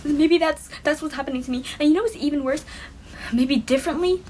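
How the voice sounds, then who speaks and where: High-voiced woman spinning a dramatic story. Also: brisk, a little mellow, slight background noise. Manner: dramatic, emphatic, keeps asking "okay?". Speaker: streamer telling a story. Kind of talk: animated comic storytelling.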